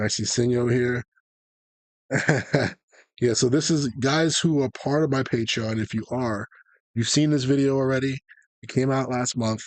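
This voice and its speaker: A man with a fairly low-pitched voice gives a casual live-stream lecture on video game tactics, with no room sound. He's informal and conversational, drifting into tangents as he explains.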